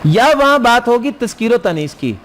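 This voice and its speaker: High-voiced male recitation teacher lecturing. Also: very animated, a bit bright. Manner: quizzes students and answers his own questions; chants Arabic verse lines slowly. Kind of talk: classroom lecture.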